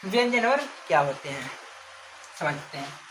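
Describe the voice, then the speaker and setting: Speaking in a low, very animated voice with a slightly bright tone, this woman teaches children grammar at a moderate pace. Questions to the class come repeatedly, example words get drawn out, called names are stretched long, and the recording carries noisy ambient sound.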